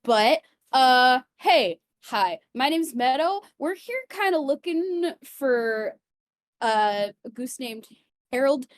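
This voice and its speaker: A sheepish, friendly young adventurer, played by a woman. She rambles apologetically in a high, lively voice with no room around it. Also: slow pace, no room sound, studio quality.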